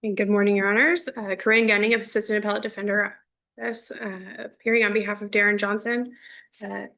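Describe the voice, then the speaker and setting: A woman speaks as a defense attorney addressing a bench of judges. She is formal and quick, with a bright, forceful voice of medium pitch. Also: level tone, vocal fry. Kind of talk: formal oral argument to judges.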